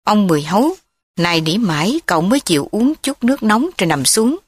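A woman narrating a story in a steady, plain reading voice. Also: medium pitch, fairly quick, slightly rough, no room sound, clean studio sound.

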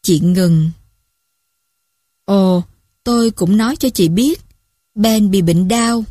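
Woman, story narration, calm, measured, mid-pitched, dry close sound. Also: dry recording. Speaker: story reader.

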